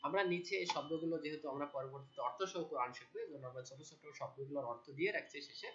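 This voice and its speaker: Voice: mid-range voice, fast talker, fairly bright tone, a little hiss or hum. A teacher giving a Quran reading lesson, patiently repeating each sound and checking that the learners say it back. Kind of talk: Quran reading lesson with call-and-response drills. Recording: dull lo-fi recording.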